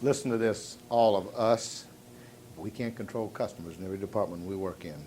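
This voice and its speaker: A man giving a motivational sales seminar to a live audience, telling stories and asking rhetorical questions, swinging from hushed tones to loud emphasis. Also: on the low side, brisk, slight background noise. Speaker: sales trainer.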